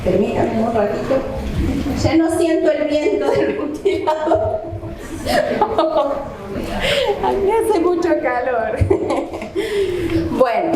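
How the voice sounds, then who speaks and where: A middle-aged woman from the coast of Ecuador, giving Bible teaching and prayer at a women's conference and asking her listeners questions directly. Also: high voice. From Santo Domingo, Ecuador. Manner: addresses the audience directly with questions. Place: church hall. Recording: echoey church hall.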